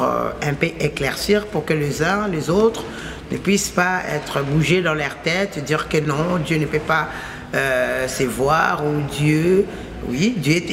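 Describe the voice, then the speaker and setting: A deep-voiced woman from Kinshasa, a Lingala speaker with a Congolese French accent, gives an emphatic religious testimony as a believer. She restates her phrases in repetitive lists while background noise runs underneath.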